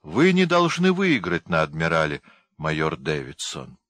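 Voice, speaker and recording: A man reading an audiobook, voicing a menacing adult man who speaks in a hoarse half-whisper, sinister and coaxing. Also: rumbling low, wildly swooping pitch, a little slow, a bit bright, exaggerated voice.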